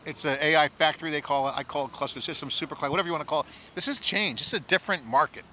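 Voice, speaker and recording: Fast, bright-voiced middle-aged male host. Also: a little high, a little hiss or hum. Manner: rapid, enthusiastic, riffing. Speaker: tech show host. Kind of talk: on-site analysis chat. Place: outdoor plaza at a conference. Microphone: handheld.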